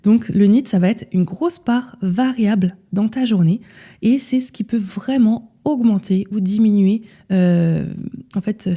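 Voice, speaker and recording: A young woman hosting a nutrition podcast, talking casually and directly to the listener and often checking in with a quick question. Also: mid-range voice, mellow. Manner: casual, direct, addresses listener as tu, frequent "d'accord?". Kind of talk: solo podcast talk.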